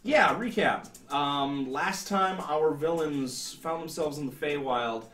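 A man's voice: fairly high pitch, takes it slowly, fairly bright tone. A man in his thirties narrating a tabletop role-playing game as game master, explaining things somewhat hesitantly. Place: indoor room, seated at a table. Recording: roomy sound, distant mic.

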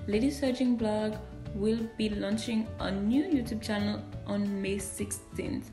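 A woman's voice: medium pitch, a little slow, reverberant, over music. A young woman cheerfully announcing a friend's new channel to camera. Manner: upbeat and promotional. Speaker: friend giving a shout-out.

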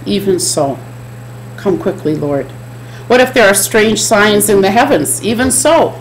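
A middle-aged woman preaches earnestly in a steady, repetitive cadence, her pitch sitting in a middle range. She speaks from a home office into a desk webcam. A faint hum runs underneath her voice. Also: measured pace, poor audio. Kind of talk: chapel sermon. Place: home office with bookshelves, indoors.

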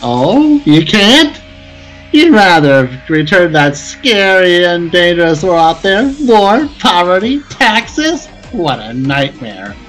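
A woman's voice: lowish voice, sing-song, slow pace, soft background music, low-quality recording. A woman voicing a gleeful villainous bear headmaster from a video game, theatrical and full of sarcastic mock politeness. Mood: gleeful taunting. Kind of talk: video game character dub in a let's play.

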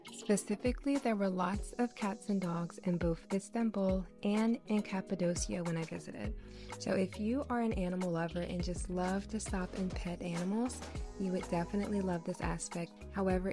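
A woman narrating a travel vlog voice-over in a chatty, informal way. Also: mid-range voice. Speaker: travel vlogger.

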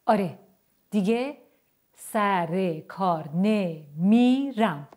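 A woman voicing a father throwing a childish tantrum, shouting and chanting in a sing-song way. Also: medium pitch, expressive, lightly acted. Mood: defiant.

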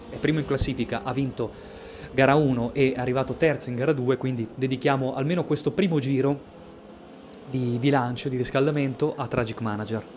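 A man's voice: mid-range voice, darkish tone, a little hiss or hum. A man giving casual live sim racing commentary as a streamer, hesitating and repeating words as he goes. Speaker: esports race commentator and streamer.

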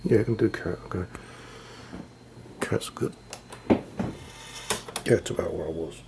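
Deep and gravelly, this man's voice moves a little slowly over noisy surroundings. He's a retro computing enthusiast doing a relaxed hands-on demo of old hardware, wandering in his thoughts and running himself down as he goes.

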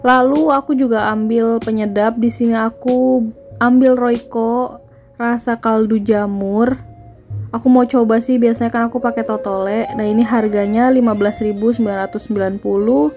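A woman's voice: fairly high pitch, steady tone, moderate pace, darkish tone, soft background music. A woman, chatting through a grocery haul voice-over and listing prices. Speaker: vlogger.

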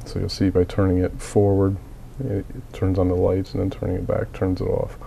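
A deep, gravelly, dark-toned man's voice comes through a little fast and in a monotone, with slight background noise. He's a miniature hobbyist recovering from a cold, coughing at times, giving a plain, methodical and casual walkthrough of a hobby build with frequent fillers.

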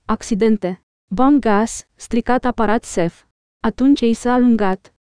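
A woman voicing a clumsy, excitable male Gungan creature who talks in broken, childlike grammar in an audiobook reading. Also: fairly high pitch, smooth, no echo, studio quality, lightly acted. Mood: sheepish.

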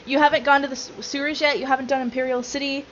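A woman's voice: high-pitched, flat delivery, rapid-fire, dull audio, very noisy. A woman playing tank in an online game group, chatting casually and putting herself down. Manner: self-deprecating, trails off. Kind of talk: casual gaming chat.

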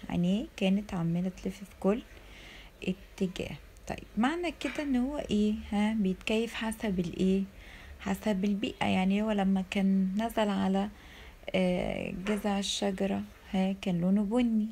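Teaching Arabic to young children in a recorded class, a primary school teacher with an Egyptian accent asks questions and leaves sentences unfinished for the pupils to fill in. Her mid-range voice has vocal fry and a dark tone, with a little hiss or hum in the audio.

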